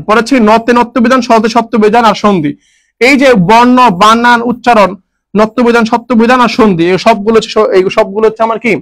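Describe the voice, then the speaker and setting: Quick high-voiced male tutor. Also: a bit bright. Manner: repetitive, asks and answers his own questions; jokey, homely dialect forms. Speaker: teacher. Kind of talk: online grammar lesson.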